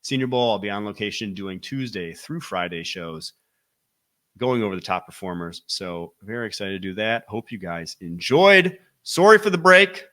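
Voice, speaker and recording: A young man from Wisconsin with a Wisconsin accent, hosting a solo football podcast with energetic, rapid-fire commentary that stresses key words. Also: low voice. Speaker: football draft analyst podcast host.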